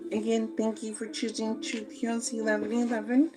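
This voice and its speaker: A woman giving a slow, meandering spoken tarot reading, with many fillers and pauses. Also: fairly high pitch, flat delivery, music in the background, poor audio. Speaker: tarot reader.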